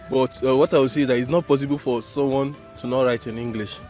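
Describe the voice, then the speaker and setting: A man, a student in a group interview, easygoing and agreeable, pausing with fillers. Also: mid-range voice, fairly even intonation, a little mellow, faint music behind.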